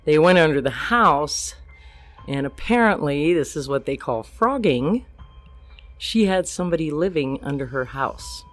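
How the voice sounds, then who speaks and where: A woman's voice: deep voice, expressive, a little slow, soft background music. An older woman, a grandmother, telling a true story as a podcast guest, plainly acting out the quoted lines.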